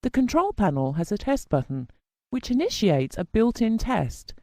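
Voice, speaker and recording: In a measured, explanatory way, a formal instructional narrator works through a scripted technical lesson. The mellow, soft-edged voice rises and falls with animation. The recording is close and dry, with no room sound.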